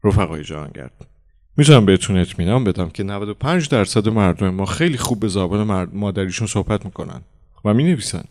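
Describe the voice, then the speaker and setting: A man's voice: fairly low pitch, animated, darkish tone, natural voice. A man voicing a proud Soviet policeman who lectures tourists in a formal, boastful way. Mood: lecturing.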